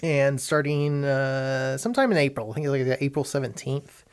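A woman with an unusually deep, low voice talks casually with a co-host. She speaks haltingly, restarting her sentences and filling pauses as she goes. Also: clean tone. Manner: hesitant, lots of fillers and restarts. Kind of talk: casual chat.

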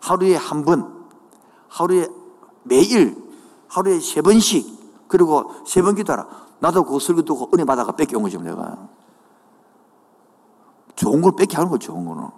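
Male pastor, Gyeongsang accent, high voice with wild swings in pitch, preaching in a reverberant church hall. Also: normal speed, long pauses. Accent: Gyeongsang Korean. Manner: animated preaching, dialect asides, builds to shouted declarations. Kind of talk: sermon. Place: church sanctuary.

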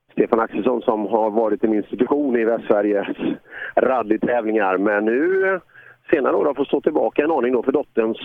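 A man's voice: mid-range voice, no room sound, phone-quality sound. A man doing live rally commentary, chatty with a dry sense of humor.

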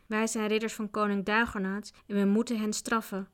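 A woman reading aloud, voicing a calm, courteous male knight. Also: mid-range voice, clear, resonant tone, natural voice. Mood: measured. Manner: measured, courteous. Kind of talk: audiobook character voice.

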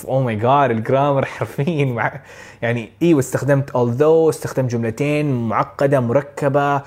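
Fast-talking Saudi Hejazi man tutoring. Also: mid-range voice. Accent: Saudi Hejazi Arabic. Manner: energetic, chuckling, mixes English into Arabic. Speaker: IELTS speaking tutor. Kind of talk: casual instructional talk to camera.

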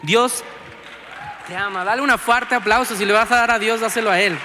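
Earnest young preacher, bright high voice. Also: male voice, normal speed, a little hiss or hum. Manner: earnest, keeps asking "¿sabes?" to the listener. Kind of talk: sermon. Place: church auditorium. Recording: reverberant church hall.

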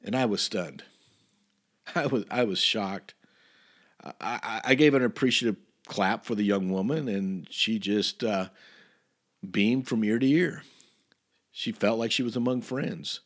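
A man's voice: fairly low pitch, a little slow, long pauses. A man preaching a sermon through a personal story, in a folksy way with chuckles and many restarts.

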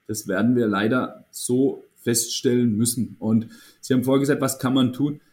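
A man's voice: medium pitch, steady tone, normal speed, a little mellow. Hesitant man, guest on a podcast. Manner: hesitant, thoughtful, many fillers and restarts. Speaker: association managing director, guest. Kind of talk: podcast interview.

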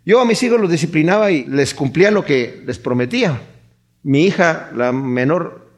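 A middle-aged man preaching a sermon, lively and acting out the voices he quotes. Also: on the high side, moderate pace. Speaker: pastor.

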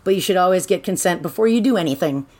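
A woman's voice: fairly low pitch, lively intonation, fast talker, darkish tone. A young woman co-hosting a podcast, recapping a story in casual chat, rambling with lots of fillers and casual swearing. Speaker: podcast co-host.

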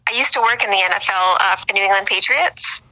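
Talking fast in a medium-pitched, pushed and bright voice, a young Boston sports blogger chats as a guest on a casual phone interview. She fills her speech with fillers and frequent restarts. The audio quality is poor.

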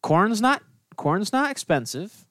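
A man's voice: high voice, very animated, slow, a bit bright, no echo, studio quality. A man co-hosting a casual hockey podcast, laid-back and teasing, reading game results off his notes. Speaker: podcast co-host.

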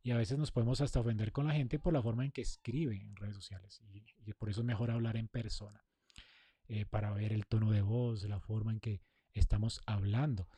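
A man's voice: fairly low pitch, steady tone, fairly quick, dark tone, breathy edge, no echo. A man giving a conversational sermon, acting out sample replies to a spouse. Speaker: preacher. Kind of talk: sermon on marriage communication.

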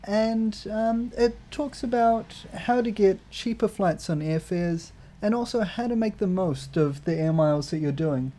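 A woman with a New Zealand accent co-hosting a travel podcast, upbeat and quick to laugh. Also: mid-range voice, lively intonation, mellow. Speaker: podcast co-host. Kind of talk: casual review chat.

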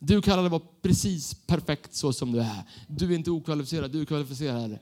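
Male preacher, fairly high voice, lively self-mocking storytelling sermon.

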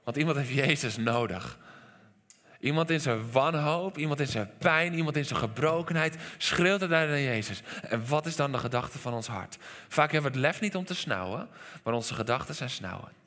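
Bright-voiced Dutch pastor preaching in a hall. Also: male voice, medium pitch, normal speed. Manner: animated preaching, soft drops to quiet lines, sudden shouts. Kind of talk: sermon. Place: church hall. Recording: long reverb of a church hall.

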